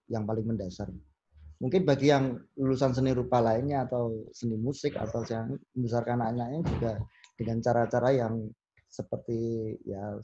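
A man, a podcast guest telling stories in a relaxed chat and acting out the lines he quotes. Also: medium pitch, lo-fi sound, slight background noise. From Solo, Central Java. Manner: animated storyteller who acts out quoted lines. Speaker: podcast guest, business owner.

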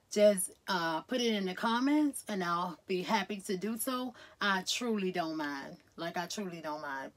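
A woman esthetician chatting casually to her viewers, enthusiastic and talkative, calling them y'all. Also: medium pitch. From Miami, USA. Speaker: esthetician and beauty business owner. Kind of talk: casual vlog talk to viewers.

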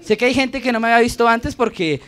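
A man's voice: very high-pitched, fast, fairly bright tone. A man with a Colombian accent doing a crude, profane, self-mocking stand-up routine on a bar stage. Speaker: stand-up comedian. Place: bar stage before a live audience. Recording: live bar set with crowd laughter and noise.

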